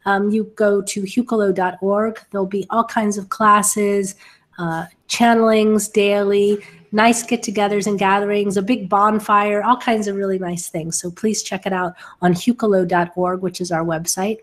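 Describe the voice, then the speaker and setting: A woman's voice: mid-range voice, level tone, moderate pace. A middle-aged woman hosting a casual webinar over a video call, sounding a little short of breath from bronchitis. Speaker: webinar host. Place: home office, indoors, on a video call.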